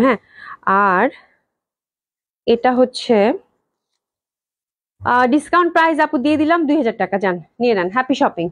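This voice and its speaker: A woman hosting a live-stream sales pitch for clothing, chatty and gushing, addressing her viewers over and over. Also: dry recording. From Bangladesh. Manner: chatty, repetitive gushing praise, talks to viewers. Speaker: clothing shop seller. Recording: dull lo-fi live-stream audio.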